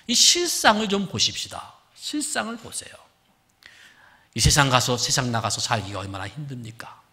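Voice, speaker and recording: Animated gravelly pastor preaching. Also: male voice, high-pitched. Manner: wide swings between loud emphasis and hushed, whispered lines. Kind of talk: sermon. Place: church sanctuary.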